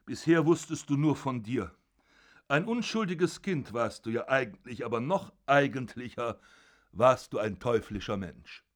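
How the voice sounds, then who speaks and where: Guy doing a furious old dad, loud and scornful, booming judgments. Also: normal speed, close to an everyday voice. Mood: condemning. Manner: shouting, scornful, triumphant. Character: raging old father passing judgment.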